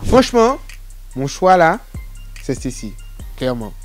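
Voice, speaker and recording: A man's voice: a little high, sing-song, measured pace, soft background music. A man co-hosting a parody dating show, bantering and laughing with his friends. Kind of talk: joking casual banter.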